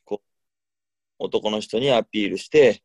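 A young man with a Kansai accent talks casually on a radio show. His voice is on the low side with plenty of fry. He sounds groggy and hesitant, in a close, dry recording. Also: no room sound. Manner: hesitant, slow-witted, groggy. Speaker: radio show co-host, novice comedian.

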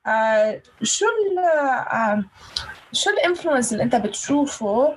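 A woman's voice: on the high side, very animated, moderate pace, low-quality recording. A Lebanese woman interviewing casually, mixing Arabic with English words. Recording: clear background ambient noise.

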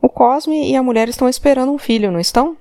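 A woman's voice: sits high, very fast, warm tone, no room sound, clean studio sound, pitched above the performer's own voice. A woman reading a relentless police commissioner. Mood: pressing. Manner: insistent, repeated commands. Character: hard-pressing male police commissioner.

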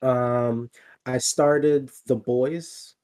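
Mellow-voiced man chatting casually. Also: medium pitch, steady tone, very slow. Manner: rambling, many fillers and restarts. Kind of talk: casual chat.

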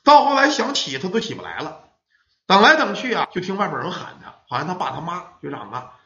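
A man's voice: high voice, sing-song, fairly quick, sharp tone. A man telling a ghost story, acting out the children and parents as he goes. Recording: roomy, dull lo-fi sound.

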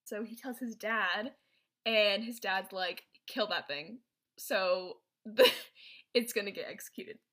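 A woman chatting casually as she retells a film, her talk rambling and full of fillers. She restarts often and keeps going at an everyday pace, in a voice of middling pitch. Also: steady tone, slow pace, fairly bright tone. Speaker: presenter recapping a film. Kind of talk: casual chat.

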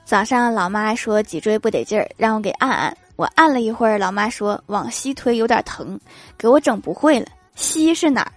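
A woman's voice: medium pitch, fairly quick. A young woman hosting a joke show, telling funny everyday stories in an upbeat way and chuckling at her own punchlines. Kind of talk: comedic joke storytelling.

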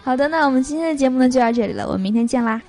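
Giggly high-voiced young woman host. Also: a little mellow, soft background music. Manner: chatty, giggly, drawn-out fillers. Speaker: podcast host. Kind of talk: reading jokes aloud with comments.

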